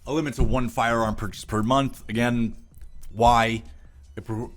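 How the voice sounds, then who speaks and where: Against faint background music, an American video commentator speaks at medium pitch and moderate pace with flat delivery. He reads material aloud and reacts with sarcastic, profane scorn in opinionated commentary.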